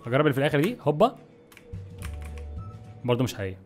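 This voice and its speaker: Fast, excitable Egyptian gamer man. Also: medium pitch, faint music behind. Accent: Egyptian Arabic. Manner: excitable, exasperated, jokey, talks to viewers. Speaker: gaming YouTuber. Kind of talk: gameplay commentary.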